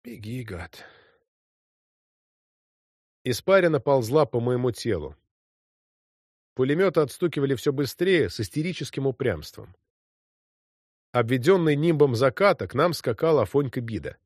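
A man's voice: medium pitch, lively intonation, normal speed, dry recording, clean studio sound. A man reading an audiobook story with vivid, dramatic narration.

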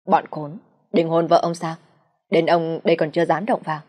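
A woman's voice: deep voice, steady tone, moderate pace, a little mellow. A woman reading an audiobook voices a cold, ruthless young male boss who gives icy commands. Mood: cold threat.

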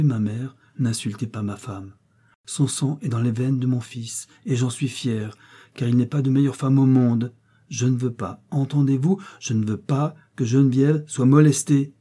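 A man's voice: medium pitch, normal speed, warm tone, breathy edge, voice pushed up, close to an everyday voice. A man reading the part of a young miller who speaks firmly to his mother in defense of his wife. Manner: firm, resolute. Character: young miller, firm and loyal husband.

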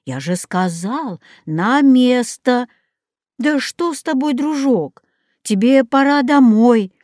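A woman's voice: fairly high pitch, expressive, slow, a little mellow, no room sound, clean studio sound, pitched above the performer's own voice. A woman reading the lines of a polite grown man who owns a parrot, in a storybook.

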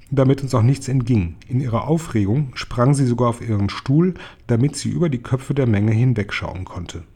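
Man with a dark husky voice reading a story. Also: mid-range voice. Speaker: narrator. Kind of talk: audiobook reading.

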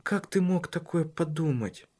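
Storybook wife, read by a man: soft, pleading, wounded. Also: on the high side, lively intonation, unhurried, voice pushed up. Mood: hurt, pleading. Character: anxious, pleading young wife, woman.

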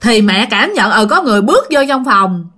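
A woman's voice: a little high, very animated, brisk, a bit bright, slightly rough. A woman with a Southern Vietnamese accent telling ghost stories in a chatty way, talking straight to her listeners with many fillers. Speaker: ghost-story channel narrator. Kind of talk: casual storytelling narration.

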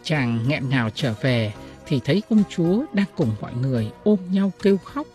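A woman reading classic ghost tales aloud in an expressive, dramatic storytelling style. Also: rumbling low, moderate pace, soft background music. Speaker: audiobook reader.

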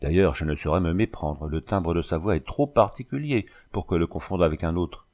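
Man as a fearful young woman, anxious, urgent, very deep voice. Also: a little fast, a little mellow. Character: frightened earnest young woman.

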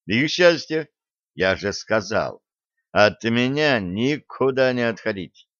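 A man voicing a gruff, irritable male starship captain who speaks in a commanding way. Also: mid-range voice, lively intonation, takes it slowly, fairly bright tone, no echo. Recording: dry, slightly dull audio.

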